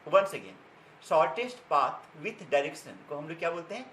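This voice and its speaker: A man leads a classroom physics lecture, mixing Hindi with English terms and quizzing his students. His voice sits high and sounds crisp and forceful. The room is echoey, with a faint ambient hum behind him. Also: big pitch swings, takes it slowly. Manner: repeats key terms and asks students questions. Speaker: physics teacher.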